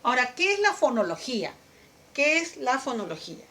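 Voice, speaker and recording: A woman's voice: high voice, very animated, normal speed, sharp tone. A woman teaching a lesson, explaining step by step and answering her own questions, with frequent tag questions and fillers. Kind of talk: lecture on language development.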